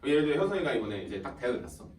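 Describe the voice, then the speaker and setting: A male high school teacher talking casually to his students, chatty and animated, often acting out students and teachers in quoted asides and laughing along the way. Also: rapid-fire. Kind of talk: casual classroom talk to students. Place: classroom. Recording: roomy classroom sound from a distant mic.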